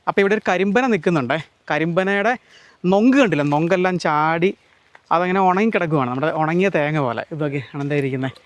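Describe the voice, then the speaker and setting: A male vlogger from Kerala speaks with a Malayali accent, his voice on the high side and his pace quick. Walking outdoors on a farm, he chats casually to the camera, explaining the sights to viewers and mixing in Tamil words.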